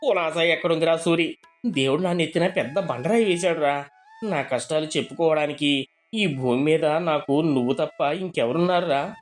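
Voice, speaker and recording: A man voicing a flattering, sweet-talking swindler who pleads for money in an animated story. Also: a little high, normal speed, soft background music, natural voice. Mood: wheedling.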